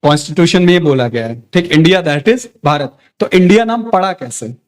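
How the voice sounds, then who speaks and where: A high-voiced young male teacher delivers an expressive, fairly quick lecture, firing off questions he answers himself and often checking in to make sure the class is keeping up.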